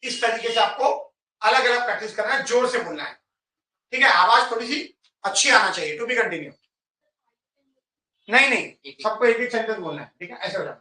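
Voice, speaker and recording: An English teacher with a high-pitched, sharp voice and lively intonation moves at a moderate pace, leaving long pauses. He directs his students and checks on them often, saying "ठीक है?" over and over. The sound comes from a camera at a distance, so the voice is far off and echoey.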